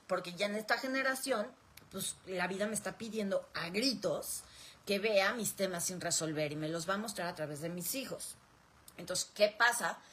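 A woman's voice: mid-range voice, a bit bright, breathy edge. A woman giving an informal spoken lecture, explaining through rhetorical questions and repetition. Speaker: speaker on emotional roots of illness.

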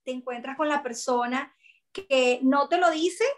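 Venezuelan woman guest, high pitch, lively chatty storyteller. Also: unhurried, a little hiss or hum. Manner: expressive, animated storytelling with quoted voices. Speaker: interview guest. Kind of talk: casual chat.

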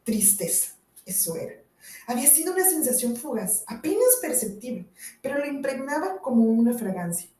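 A woman's voice: high-pitched, big pitch swings, normal speed, dark tone, a little hiss or hum. Spanish woman narrating an audiobook. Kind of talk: scripted narration. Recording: roomy audio from a distant mic.

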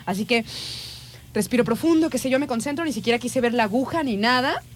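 A woman's voice: fairly high pitch, quick pace. Chatty woman co-hosting. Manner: chatty, laughs often, addresses audience as "pequeños". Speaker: co-host. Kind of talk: casual chat to listeners.

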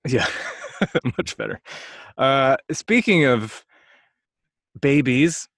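A man's voice: mid-range voice, lively intonation, very slow, a bit bright, no room sound, studio quality. A man in his late thirties co-hosting a podcast, rambling and joking as he thinks aloud in casual chat. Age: 30s. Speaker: podcast co-host.

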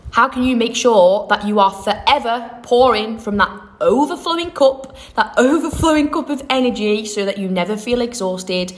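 Young woman, podcast host, self-help monologue, encouraging, rambling, self-correcting. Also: mid-range voice.

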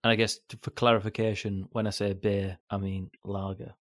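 A man's voice: on the low side, flat delivery, fairly quick, no echo, studio quality. A man hosting a podcast, chatting in a laid-back way and swearing casually. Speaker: podcast host. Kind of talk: casual chat.

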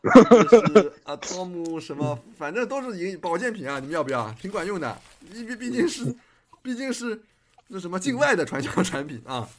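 A man with a fairly high voice and highly animated delivery. He hosts a loose, joking show-and-tell chat, playfully circling back over the same phrases. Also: quick pace, a crowd in the background.

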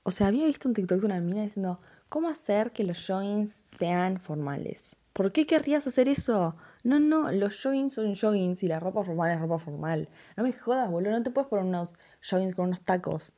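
A woman's voice: mid-range voice, animated, fast, hardly any pauses, dark tone. A teenage girl with an Argentine accent giving blunt, dismissive opinions on fashion in a casual vlog, repeating "no" often. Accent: Argentine Spanish.

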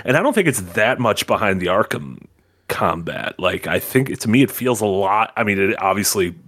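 A man with a fairly low voice joins a podcast chat about games. He lays out his argument steadily and at length. The sound is dry and close. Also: big pitch swings, normal speed, a bit bright, no room sound. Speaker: podcast panelist.

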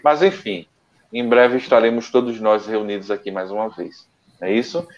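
A man co-hosting an online talk from home, telling a story in a relaxed, rambling way with many restarts. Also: fairly low pitch, moderate pace. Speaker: co-host of an online study show. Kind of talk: casual storytelling and sign-off. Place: his home. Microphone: internet call. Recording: dull, lo-fi internet call audio.

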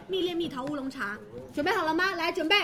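High, quick-talking woman co-hosting shopping livestream. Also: a bit bright. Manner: brisk explanatory selling, short confirmations and prompts. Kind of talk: live product presentation.

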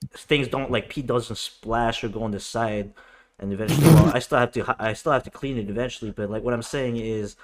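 A man's voice: medium pitch, a bit bright. A young man in casual group chat, rambling on with many fillers.

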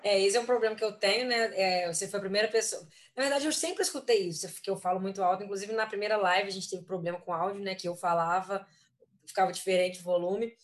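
A woman's voice: medium pitch, fast. Brazilian woman on a live, medium voice, lots of "é, assim". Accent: Brazilian Portuguese. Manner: hesitant, many fillers. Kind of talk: casual live chat.

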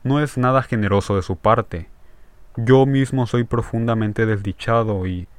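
A man's voice: medium pitch, a little slow, dry recording, lightly acted. A man reading the part of a grieving, betrayed husband who pleads tearfully and with vehemence. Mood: indignant.

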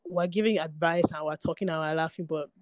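Woman, twenties, podcast co-host, playful banter, lowish pitch, dry recording. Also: fairly even intonation, no room sound. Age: 20s. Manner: playful, teasing, quick banter. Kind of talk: casual chat.

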